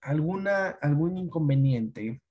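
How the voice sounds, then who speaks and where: Patient, soft-toned teacher explaining grammar. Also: mid-range voice, expressive, slow pace, slightly rough. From Ecuador. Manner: explains patiently, asks checking questions. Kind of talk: online class lesson.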